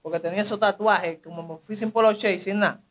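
A young man with a Dominican accent talks through his past in casual street slang. His voice sits high, and he jumps into the voices of people in the story as he tells it. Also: quick pace. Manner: animated street slang, acts out quoted voices. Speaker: interviewee telling his life story. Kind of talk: casual testimony.

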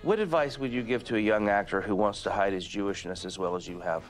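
A middle-aged man giving a deadpan comic interview in a studio. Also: lowish voice, quick pace, music in the background.

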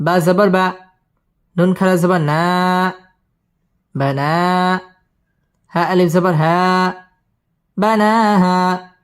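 A man leads a Quran recitation lesson with great patience, spelling each word out and then chanting it drawn out. His voice is smooth and clear, his tempo extremely slow. Between the spelled words he explains the pronunciation rules quickly. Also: sits high, level tone.

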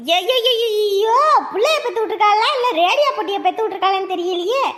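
A woman's voice: extremely high pitch, quick pace, heavy background noise. An actress playing an irritable, spiteful woman who scolds and complains harshly. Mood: annoyed. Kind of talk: Tamil family drama acting.

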